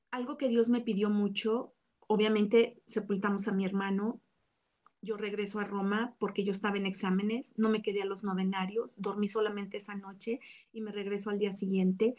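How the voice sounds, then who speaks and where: A woman's voice: medium pitch, a little mellow. A woman from Mexico gives an earnest, reflective personal religious testimony, with small restarts. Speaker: testimony speaker.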